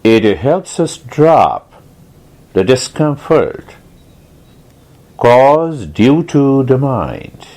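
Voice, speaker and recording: Speaking in a mid-range voice with wide swings in pitch and a warm tone, a man teaches guided meditation. He is deliberate and explanatory, and he repeats important phrases and poses questions while instructing.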